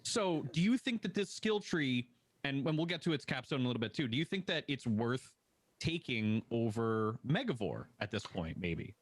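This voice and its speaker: A man's voice: mid-range voice, big pitch swings, normal speed, dry recording. A man presenting a game reveal, enthusiastic and asking his co-host questions.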